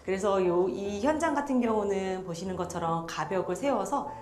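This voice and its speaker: A woman's voice: medium pitch, animated, normal speed, darkish tone, reverberant. A woman interior designer presenting a home tour, chatty and playful, talking straight to viewers.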